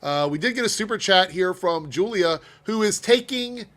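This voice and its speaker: Male livestream host, fairly high voice, chatty, animated, laughs often. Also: moderate pace. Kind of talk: casual chat, reading super chats.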